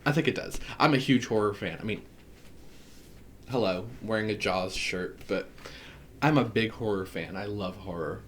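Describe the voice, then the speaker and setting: A man's voice: lowish voice, moderate pace, a little hiss or hum. A man with a Southern US accent, chatting enthusiastically as he unboxes a tarot deck and laughs often. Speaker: tarot reader. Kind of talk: casual deck unboxing chat.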